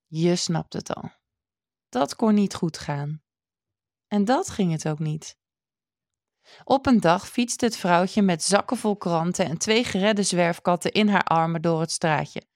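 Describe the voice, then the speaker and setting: Woman reading a kids story out loud, expressive but steady, super dry close sound. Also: lowish voice, dry recording. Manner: expressive, measured.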